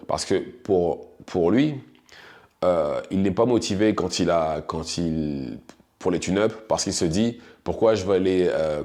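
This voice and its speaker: Low-voiced man musing over boxing. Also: darkish tone. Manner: hesitant, many restarts and fillers, conversational. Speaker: boxing commentator. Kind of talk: casual spoken analysis.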